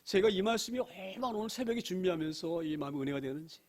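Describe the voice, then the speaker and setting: Middle-aged male pastor, high voice, emphatic church sermon full of rhetorical questions and repeated phrases. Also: animated, quick pace, a little mellow. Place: church sanctuary.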